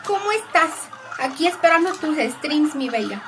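High-voiced woman streamer chatting. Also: sing-song, normal speed, heavy background noise. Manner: chatty, upbeat, greets and thanks viewers by name. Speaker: live streamer, teacher. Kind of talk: casual live-stream chat reading viewer messages. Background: music.

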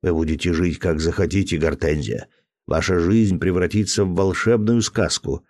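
An eager suitor pleads in a low, rapturous voice, quick to flare into anger, as a man reads him in an audiobook. The recording is dry and close. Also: steady tone, darkish tone, dry recording, close to an everyday voice. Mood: ardent. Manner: pleading, rapturous, angry outbursts. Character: eager male suitor, ardent and hot-tempered.

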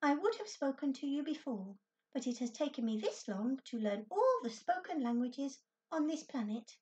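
A courteous little furry alien from a children's storybook speaks in formal, careful sentences with no contractions, as a woman reads it aloud. The voice sits a little high and sounds set back from the mic. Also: big pitch swings, moderate pace, a little mellow, recorded from a distance. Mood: polite. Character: small furry alien creature, polite, formal.

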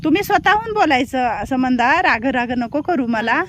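Caretaker woman, Marathi accent, high bright pitch, soft motherly coaxing with gentle scolding. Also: lively intonation, moderate pace. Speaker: old-age home caretaker. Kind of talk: caring talk with elderly residents.

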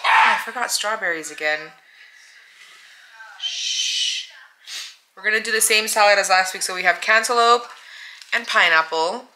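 A woman's voice: medium pitch, fairly quick, sharp tone. Chatty American woman, noisy home kitchen. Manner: chatty, thinking aloud, lots of fillers. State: tired. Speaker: vlogger. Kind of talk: casual chat.

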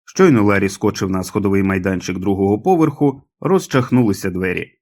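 Male audiobook narrator, measured and dramatic. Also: on the low side, darkish tone. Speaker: audiobook reader.

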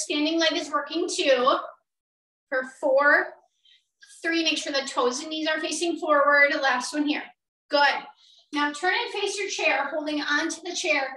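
A middle-aged woman leading a workout as an energetic aerobics instructor, counting and cueing while exercising along. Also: sits high. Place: small indoor home gym. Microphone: far camera a few metres away. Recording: roomy echo, distant microphone.

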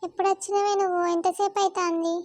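A woman's voice: extremely high pitch, little pitch movement, fast, loud music behind the voice. A woman voicing a pleading teenage village girl in love. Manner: pleading, apologetic. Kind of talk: cartoon voice acting.

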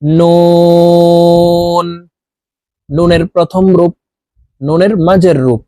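A man with a Bangladeshi Bengali accent teaching Arabic letters slowly, one by one, with the letter names drawn out and chanted. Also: fairly high pitch, steady tone, warm tone, no echo. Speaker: Quran teacher. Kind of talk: slow letter-by-letter lesson.

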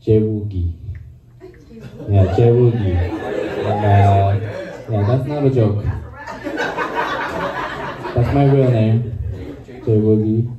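A man's voice: lowish voice, fairly even intonation, slow, pauses often. A young man from Korea doing a stand-up set on a small club stage with a handheld mic, hesitant and full of ums, recorded from the audience. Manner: hesitant, lots of ums and uhs. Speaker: stand-up comedian. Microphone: handheld mic, filmed from the audience. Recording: muffled, distant, echoey club from the crowd. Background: audience laughter and room ambience.

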